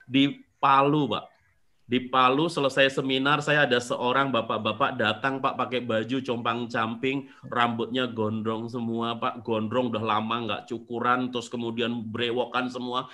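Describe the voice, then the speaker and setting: A man, a seminar organizer telling stories in casual conversation, animated, acting out quoted voices and dropping soft for emotional parts. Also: mid-range voice, moderate pace.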